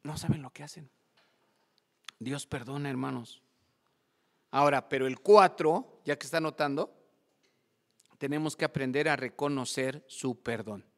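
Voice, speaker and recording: A man's voice: mid-range voice, normal speed, long pauses, fairly bright tone, long reverb tail. A man preaching a sermon at a church service, often quizzing the congregation with call-and-response questions. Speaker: pastor.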